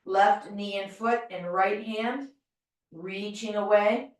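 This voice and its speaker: A middle-aged American woman leading a yoga class, calmly and gently cueing breath and movement. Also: mid-range voice, slow. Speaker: yoga teacher. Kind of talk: guided yoga class instruction. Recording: very echoey room, voice from far off.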